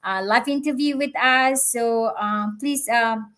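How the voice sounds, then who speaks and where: A woman's voice: fairly high pitch, slow, a bit bright. A woman hosting a live online interview, speaking hesitantly with many fillers over a video call. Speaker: host.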